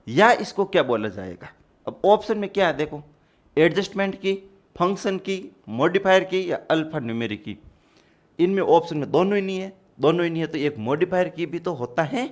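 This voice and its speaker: A man's voice: on the high side, animated, normal speed. A man teaching a computer exam-prep class, explaining step by step and repeating key points to his students.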